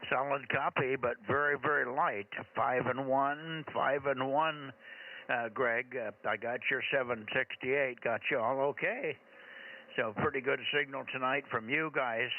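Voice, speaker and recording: A man running an amateur radio net over two-way radio, chatty and rambling, with hesitant pauses between call signs. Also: medium pitch, steady tone, narrow, tinny audio. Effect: two-way radio transmission. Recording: thin crackly radio, loud static and clicks.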